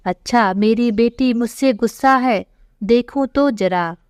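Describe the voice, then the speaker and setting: A woman voicing a gentle young father in a storybook tale, coaxing and sometimes stern with his daughter. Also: a little high, takes it slowly, no room sound, clean studio sound. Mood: firm.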